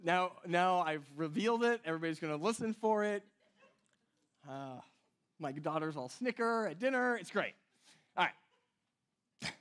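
A man's voice: high-pitched, expressive, unhurried, long pauses, fairly bright tone. A middle-aged man preaching a conversational teaching sermon, with a slight whistle on his s sounds, breaking off and putting questions to his listeners. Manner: self-interrupting, rhetorical questions, talks directly to listeners. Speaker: pastor preaching to a congregation.

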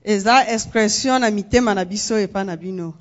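A woman from Congo, a guest speaking in measured phrases and pausing for an interpreter in a church. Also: medium pitch, dull audio. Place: church sanctuary.

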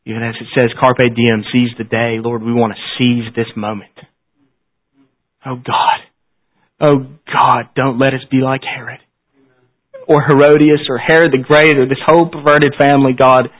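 A man's voice: medium pitch, little pitch movement, moderate pace. A man preaching a sermon at a pulpit microphone in a church service, pressing the congregation with earnest rhetorical questions. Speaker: pastor. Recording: dull, slightly lo-fi sound.

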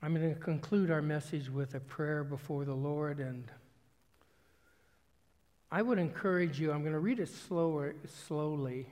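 A man preaching a sermon and then leading a prayer, speaking slowly and with emphasis. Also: on the high side, a little mellow, long reverb tail. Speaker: pastor.

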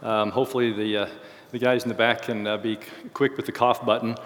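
Recovering from a cold, a man teaching a church series on discipleship speaks with a slightly failing, worn voice that is medium in pitch, fairly flat in movement and a bit bright. He explains the Bible informally in halting phrases with self-corrections, addressing a group in a big room whose reverberant hall sound fills the recording.

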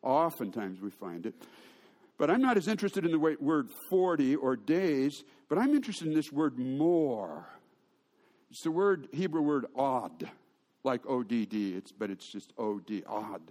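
A man's voice: medium pitch, sing-song, a little slow, a little mellow. A man preaching a sermon, telling stories with humor and often restarting his sentences. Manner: storytelling with humor and frequent restarts. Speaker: pastor.

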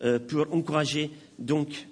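A man in his sixties with a slight non-native accent, preaching a sermon as a pastor in a church, folksy and gently joking, with many filler words between phrases. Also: on the high side, steady tone, unhurried, a little hiss or hum.

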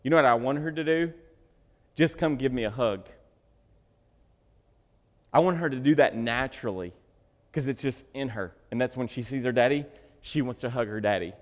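A man preaching a sermon, joking with the congregation and swinging from loud bursts to hushed asides. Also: mid-range voice, normal speed, long pauses. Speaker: pastor. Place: church sanctuary. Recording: reverberant hall.

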